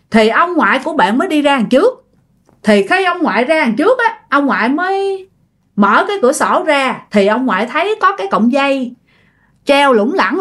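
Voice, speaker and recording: A woman's voice: sits high, fairly bright tone. Chatty woman telling a ghost story. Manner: chatty, addresses listeners directly.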